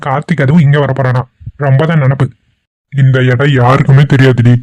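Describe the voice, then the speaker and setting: A sneering cartoon kidnapper bosses his men around and mocks his captive, voiced by a man. The voice sounds dark and mellow. It is close and dry. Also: medium pitch, little pitch movement, a little fast, dry recording, natural voice. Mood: taunting. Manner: taunting, bossy. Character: mocking male kidnapper forcing a wedding. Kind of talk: cartoon voice acting.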